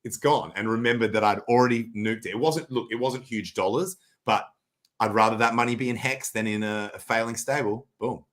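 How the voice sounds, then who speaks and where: Guy with a lowish voice, guest on a stream, swears a lot, restarts sentences, sounds like a video call. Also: steady tone, a little fast, a bit bright. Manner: loose and profane, with laughs and restarts. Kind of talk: casual livestream chat.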